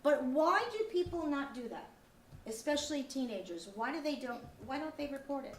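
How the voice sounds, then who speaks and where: Earnest, upbeat high-voiced woman teaching in echoey room. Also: lively intonation, moderate pace. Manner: earnest, upbeat, asks questions and repeats answers. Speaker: teacher leading a school lesson. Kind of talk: interactive school lecture to children. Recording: roomy, distant mic, faint background noise.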